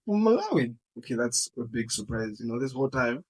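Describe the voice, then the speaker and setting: A man's voice: medium pitch, sing-song, brisk, breathy edge, low-quality recording. A man hosting a podcast, asking questions in a playful, teasing way with slangy interjections. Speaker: podcast host.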